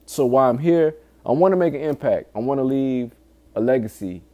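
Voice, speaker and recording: A man with a low-set, dark, mellow voice records a candid solo podcast. His talk is informal and full of swearing, with an earnest, pleading urgency as he warns his listeners. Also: expressive, fairly quick. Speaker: podcast host.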